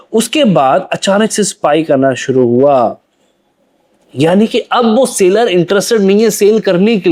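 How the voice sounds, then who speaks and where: A young trading educator gives a lesson on reading charts in a fairly high, slightly mellow voice. He asks himself questions and answers them, repeating phrases for emphasis.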